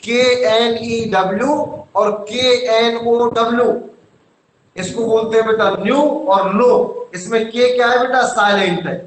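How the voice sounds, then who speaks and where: A male teacher talks very slowly in a strikingly high voice. He spells each word out letter by letter, patiently, like he's dictating to a class. The sound echoes as if he's in a bare room. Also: steady tone, slight background noise. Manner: slow, spells words letter by letter, calls students "beta". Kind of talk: online class lesson.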